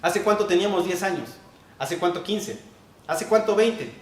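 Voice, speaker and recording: A male pastor preaching a sermon, repeating key phrases and swinging between loud emphasis and quiet asides. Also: sits high, lively intonation, moderate pace. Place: church hall. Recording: echoey church hall, distant mic.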